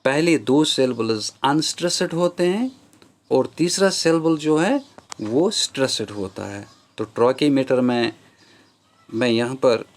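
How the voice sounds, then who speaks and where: Slow-explaining male teacher, Kashmiri accent. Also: medium pitch, animated. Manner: slow, explaining step by step, mixing in English. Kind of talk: classroom lecture on a poem.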